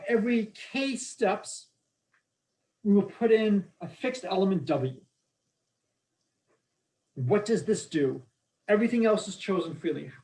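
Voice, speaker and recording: The recording is low quality, capturing a man's high, slightly mellow voice. He is a math lecturer from Boston, going over his slides with enthusiasm, keeping things informal and dropping in casual asides during the academic lecture.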